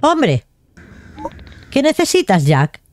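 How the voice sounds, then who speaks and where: A woman's voice: sits high, wildly swooping pitch, slow, darkish tone, faint music behind. A young woman giving casual, chatty gameplay commentary and talking to herself as she plays. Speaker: gaming video host.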